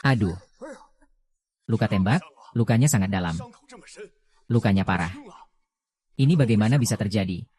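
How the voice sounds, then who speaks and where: Low-voiced male drama dubber. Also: lively intonation, moderate pace, long pauses, darkish tone, no room sound.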